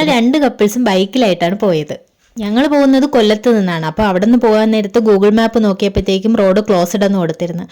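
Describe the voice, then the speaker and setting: Female travel vlogger, southern Kerala accent. Brisk, mellow, casual voice-over, Malayalam peppered with English. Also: mid-range voice. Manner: mixes English words into Malayalam. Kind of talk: casual voice-over narration of a day trip.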